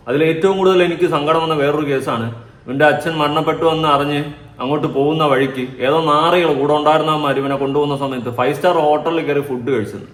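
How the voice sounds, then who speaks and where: Casting: man vlogger, fairly high voice, mocking and theatrical, echoey room. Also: a bit bright. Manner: teasing, sarcastic, theatrical. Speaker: vlogger reacting to clips. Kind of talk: mocking reaction commentary.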